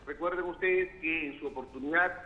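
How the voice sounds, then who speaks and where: A man from Peru, a congressman, speaking formally over a remote line in a news interview, often pausing with fillers and restarting phrases. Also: a little high, muffled recording.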